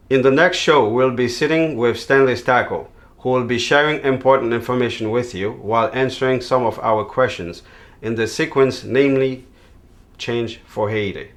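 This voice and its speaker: A television interview host, this man introduces segments, asks questions, and reads promos in formal, elaborate wording. His medium-pitched voice has a fairly bright tone.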